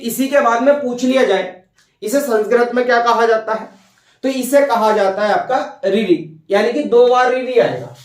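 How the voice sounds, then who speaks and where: Male grammar teacher, high voice, slightly off-mic; patient and repetitive, keeps checking in with his students. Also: echoey room, recorded from a distance. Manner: repetitive, checks understanding with "ठीक है" and "भैया". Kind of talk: whiteboard grammar lesson.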